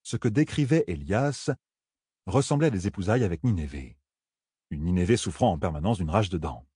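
A man narrating a fantasy novel in a measured storytelling manner. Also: deep voice, lively intonation, warm tone, slightly rough, no echo. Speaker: audiobook narrator. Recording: dry close studio sound.

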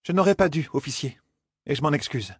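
A man voicing an earnest, apologetic young woman apprentice, in a husky voice for an audiobook. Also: fairly high pitch, expressive, brisk, no echo, studio quality, voice pushed up, full character voice. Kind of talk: audiobook character voice.

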